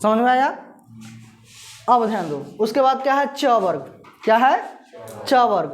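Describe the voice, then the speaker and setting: A woman's voice: fairly high pitch, animated, unhurried. A woman teaching a grammar lesson, asking questions and answering them herself.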